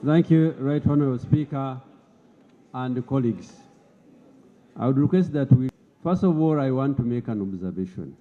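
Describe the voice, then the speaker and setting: A man's voice: mid-range voice, moderate pace, pauses often. A man speaking formally as a government minister in a parliamentary debate, often repeating words as he presses his point. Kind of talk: parliamentary address. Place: parliament chamber. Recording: lo-fi broadcast audio in a reverberant chamber.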